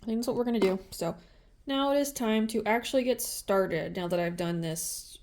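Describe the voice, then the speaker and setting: A woman's voice: mid-range voice, normal speed, a little mellow. Give me a sleepy, rambling woman talking casually while she paints. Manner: chatty, rambling, many fillers. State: sleepy, just woke up. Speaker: crafts vlogger.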